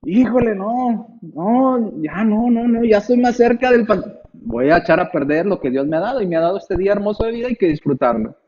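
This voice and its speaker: High-voiced preacher in his forties. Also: brisk, highs cut off. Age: 40s. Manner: expressive, acts out frightened voices in anecdotes. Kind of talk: sermon. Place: church.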